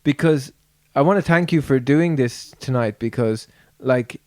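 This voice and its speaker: A man hosting a casual podcast, his voice sitting in a middle pitch. He talks hesitantly, stumbling and restarting his phrases, in a dry, close room. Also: measured pace, a little mellow, dry recording. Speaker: podcast host. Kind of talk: casual chat.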